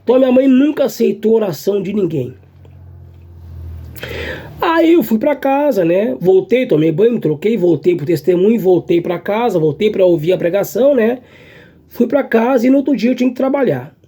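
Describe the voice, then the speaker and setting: A man tells his church testimony in an earnest, halting way, circling back over his own phrases. His voice sits high yet mellow, with a husky, breathy edge. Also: lively intonation. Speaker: church member giving a testimony.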